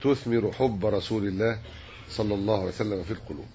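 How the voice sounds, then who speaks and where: Man, sheikh, religious lesson, gravelly voice, dull lo-fi recording with faint hiss. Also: lowish voice, mellow. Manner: measured, explanatory, dwells on word forms. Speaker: sheikh teaching hadith commentary.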